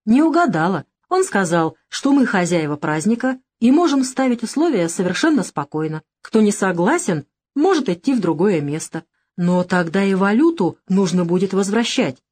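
A woman's voice: medium pitch, sing-song, moderate pace, a little mellow. A woman voicing a worried middle-aged male crime boss who talks bluntly in an audiobook. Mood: assured.

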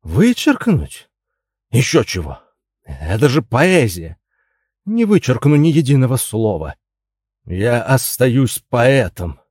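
A man's voice: on the low side, expressive, slow, mellow, husky, no room sound, studio quality, full character voice. A man voicing an arrogant poet husband who declaims grandly in a story reading. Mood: furious. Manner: self-important, declaiming. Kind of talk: audiobook dialogue reading.

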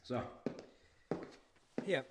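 This male actor draws out his words as a probing police interrogator in a radio play, a middle-aged cop who is cold and persistent. He presses the suspect with sarcasm and quiet needling, and the background is noisy.

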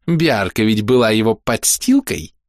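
A man's voice: on the low side, very animated, measured pace, dry recording, clean studio sound. Man playing a snarling fox-tailed woman. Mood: venomous. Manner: snarling, venomous.

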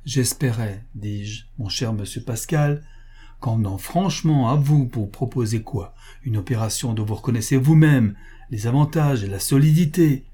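A man reading the lines of an anxious, insinuating male prince who presses and flatters. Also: medium pitch, normal speed, husky, close to an everyday voice. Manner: urgent and ingratiating.

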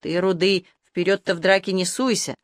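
A woman voicing a gruff old male werewolf police major who rants and lectures. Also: on the low side, fairly even intonation, moderate pace, no echo, clean studio sound, natural voice. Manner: ranting, lecturing.

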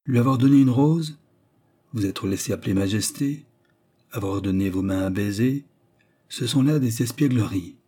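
A man with a mid-range, dark, husky voice reads at normal speed, lightly acted. He takes on a scheming, persuasive noblewoman adventuress, middle-aged, who uses feigned sweetness to frighten her young companion. It comes across as menacing, persuasive and insistent.

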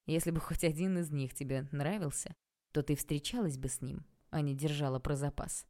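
A woman voicing a confident, teasing grown man in an audiobook, speaking calmly and self-assuredly. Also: low-pitched, moderate pace, close to an everyday voice.

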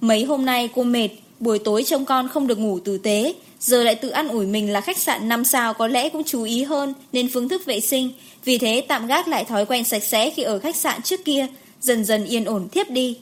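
A woman reading an audiobook in an even storytelling way. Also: on the high side, moderate pace. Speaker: audiobook narrator. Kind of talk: scripted narration.

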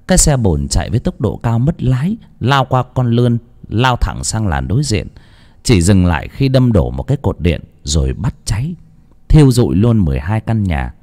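A male audiobook narrator tells the story in a low, warm voice. His delivery is expressive and animated, and he lingers on phrases for drama. Faint music plays beneath him.

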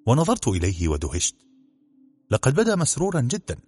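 A man narrating a storybook in an expressive, measured reading. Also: medium pitch, breathy edge, faint music behind. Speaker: audiobook narrator.

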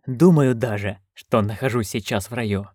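A man doing a hoarse, dazed jester. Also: mid-range voice, moderate pace, no room sound, clean studio sound, lightly acted. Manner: soft, weary.

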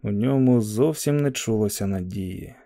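A gravelly male narrator reads a tense novel aloud, dark in tone. He sits close to the mic in a dry, dead booth. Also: fairly low pitch, moderate pace, no echo. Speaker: audiobook narrator. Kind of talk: dramatic audiobook reading.

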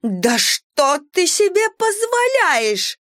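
A woman voicing a pushy older female neighbor with a shrill, squealing, accusatory voice. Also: very animated, takes it slowly, a bit bright, no room sound, clean studio sound, heavily acted. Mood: contemptuous shrieking. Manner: screeching, accusatory.

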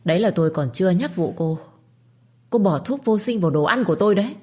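Woman reads icy, defiant young wife; fast, cutting replies. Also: fairly low pitch, animated, mellow, breathy edge, voice pushed up. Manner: cutting, rapid retorts.

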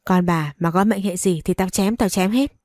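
A woman's voice: mid-range voice, moderate pace, darkish tone, dry recording, studio quality, natural voice. A woman voicing a fierce, protective young village mother who scolds and threatens in fury. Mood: furious.

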